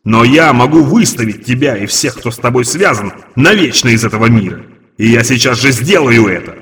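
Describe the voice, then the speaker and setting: A man voicing a menacing male demon creditor with an echoing demonic voice effect, loud, slow and commanding. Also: medium pitch, lively intonation. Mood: irritated. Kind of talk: audiobook reading.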